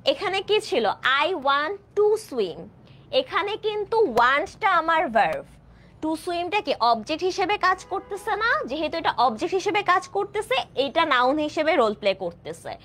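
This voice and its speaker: A woman in her twenties from Bangladesh, teaching an online English grammar class and often checking that students follow, with slow, drawn-out example sentences. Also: extremely high pitch, a bit bright. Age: 20s. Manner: keeps asking students questions to check understanding; stretches out example sentences slowly. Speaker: admission test English tutor.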